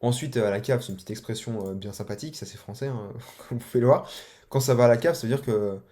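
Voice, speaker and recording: A man's voice: medium pitch, quick pace, warm tone. A young man casually teaching online, talking loosely with slang and many fillers. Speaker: online course instructor. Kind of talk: casual explanatory tutorial.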